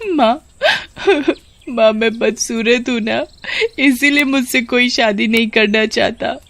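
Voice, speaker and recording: A woman's voice: a little high, fairly even intonation, slow pace, fairly bright tone, dry recording, voice pushed up. A woman voicing a heartbroken young woman speaking through tears in a cartoon story. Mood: tearful. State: crying.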